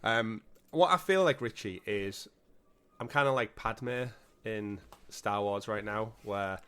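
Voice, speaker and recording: A man hosting a gaming podcast with energetic, jokey patter, a bit congested from a cold. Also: fairly low pitch, takes it slowly, smooth. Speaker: podcast host. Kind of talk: upbeat podcast presenting.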